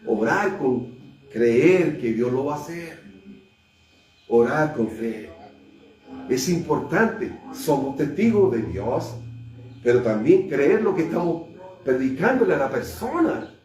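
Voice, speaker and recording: A man, a pastor with a Chilean Spanish accent, preaching a sermon and acting out scripture scenes, swinging between loud and hushed delivery. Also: fairly high pitch, very animated, slow, long pauses. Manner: retells scripture with acted dialogue, shifts between loud and hushed. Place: church sanctuary. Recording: echoey church from far off, faint noise.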